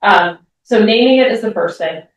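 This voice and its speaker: A woman's voice: mid-range voice, animated, moderate pace, slight background noise. A woman presenting to parents at a school meeting. She talks conversationally, with frequent ums and restarts. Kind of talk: parent talk. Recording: echoey room, voice from far off.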